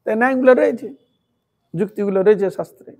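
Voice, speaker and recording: A man's voice: high-pitched, racing, darkish tone. A man preaching a devotional sermon in a Bengali accent, telling a story and putting rhetorical questions to his listeners.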